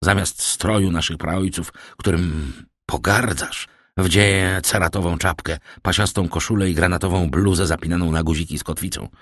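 Bitter young soldier, brooding, pleading, deep husky voice, read by a man. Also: steady tone, moderate pace, few pauses, a bit bright, no echo, studio quality.

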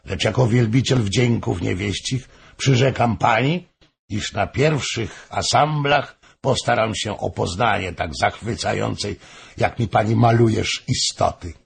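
A man's voice: lowish voice, unhurried, gravelly, breathy edge, exaggerated voice. A man reading aloud, voicing a cheerful, gallant king. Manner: gallant, courteous. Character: cheerful playful male king.

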